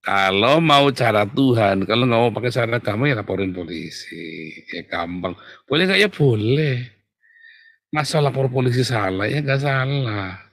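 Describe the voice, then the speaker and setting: A male preacher giving a sermon in everyday, colloquial language. He suddenly rises into loud exhortation and then drops into quiet, confiding asides, with a voice of medium pitch. The sound is dry and close, with no room echo. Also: moderate pace. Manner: swings from loud exhortation to soft hushed asides; colloquial, laughs at his own jokes. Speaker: pastor.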